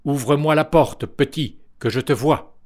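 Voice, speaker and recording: A man voicing a greedy, boastful big bad wolf in a storybook reading, loud and blustering. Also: medium pitch, very animated, slow pace, voice pushed up. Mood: menacing.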